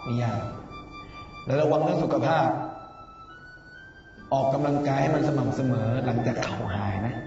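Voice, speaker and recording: A man's voice: medium pitch, normal speed, gravelly, pauses often. Young man, teasing older-brother tone, distant echoey recording. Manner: teasing, big-brotherly advice. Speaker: departing contestant. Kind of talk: casual farewell message. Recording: roomy, distant, muffled with music. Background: music.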